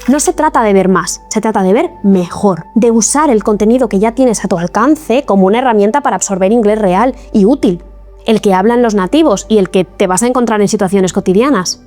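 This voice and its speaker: A woman giving a scripted video lesson as an English teacher, explaining each step clearly and encouragingly. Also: mid-range voice, fairly quick, mellow, faint music behind.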